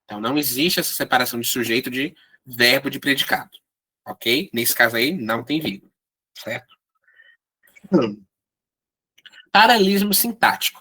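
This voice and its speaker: A man's voice: medium pitch, bright, forceful tone, husky. A man teaching an online writing workshop, explaining step by step and often checking in with his students. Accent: Brazilian Portuguese.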